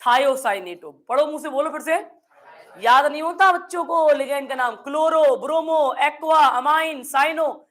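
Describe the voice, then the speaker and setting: A woman's voice: high-pitched, normal speed. A woman with a Hindi accent teaching chemistry, quizzing her students and answering her own questions. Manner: acts out confused students in playful asides. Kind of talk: classroom lecture.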